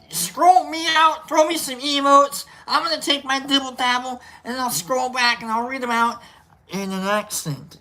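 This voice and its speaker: A livestream host with a medium-pitched voice chats casually, rambling with lots of fillers and giving affectionate shout-outs to viewers.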